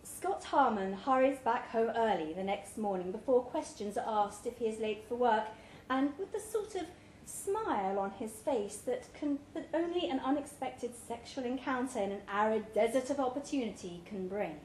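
A slightly high, somewhat dark-toned voice with lively intonation reads a short story aloud at normal speed before a live audience, giving the dialogue life. She is indoors in a pub event room, and the roomy recording carries background noise.

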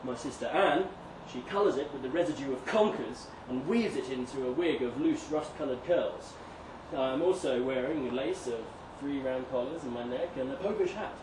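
Captured from afar in an echoey venue full of ambient noise, a man gives a theatrical live reading of a comic historical monologue. His medium-pitched voice moves at normal speed, rising into emphatic swells and dropping to hushes for drama.

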